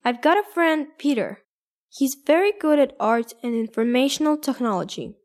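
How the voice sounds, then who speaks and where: A woman voicing a cheerful thirteen-year-old schoolgirl in a scripted textbook dialogue, speaking clearly and carefully. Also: sits high, lively intonation, moderate pace, a little mellow.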